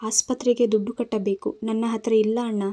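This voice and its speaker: A frightened young woman begs through tears, her words shaky and pleading, as a woman reading an audio story voices her. The tone is soft and mellow rather than bright. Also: a little high, flat delivery, moderate pace, lightly acted. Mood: tearful pleading. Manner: tearful, trembling pleading.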